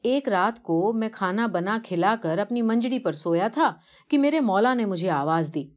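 A woman's voice: medium pitch, expressive, lightly acted. A woman voicing a poor, devout elderly man who earnestly tells of his pilgrimage in a story reading, on a dull lo-fi recording. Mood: humble, earnest.

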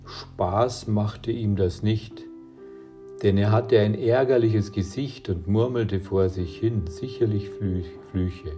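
A man calmly narrating an audiobook story at an unhurried pace. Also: fairly low pitch, soft background music.

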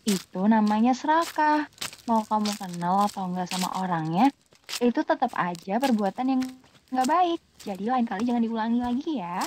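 A woman voicing a mother who gently scolds and coaxes her daughter, in a children's cartoon drama. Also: fairly high pitch, expressive, moderate pace, a little hiss or hum, natural voice. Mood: coaxing. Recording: dull lo-fi dry recording.

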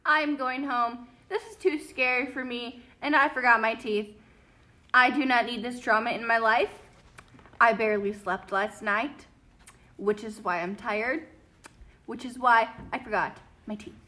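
Woman plays a tired, grumbling church member; bright, slow delivery. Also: on the high side, fairly even intonation. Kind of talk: amateur church skit.

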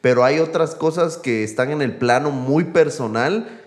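Man, reflective podcast co-host, measured and searching, mid-range voice. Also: medium pitch. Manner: thoughtful, searching for words. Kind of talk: reflective conversational talk.

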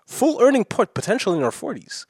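A man bantering on a casual podcast, needling his co-hosts with dry jokes. His pitch moves a lot and he often stumbles and starts his words over. The sound is dry and close-miked. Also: huge pitch swings, fairly quick, husky, no room sound. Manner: teasing banter with stumbling restarts. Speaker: podcast co-host.

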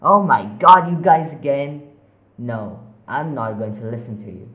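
A man voicing a stressed male book editor who talks loudly and exasperated in a raised voice. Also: animated, unhurried. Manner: loud, exasperated, raised pitch. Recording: roomy echo.

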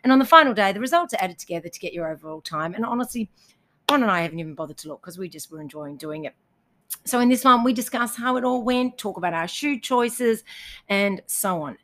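A woman's voice: medium pitch, a bit bright. Chatty upbeat Australian woman host. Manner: chatty and upbeat, laughs easily, many fillers. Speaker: podcast host and running coach. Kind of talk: casual podcast chat. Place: indoors in a cabin.

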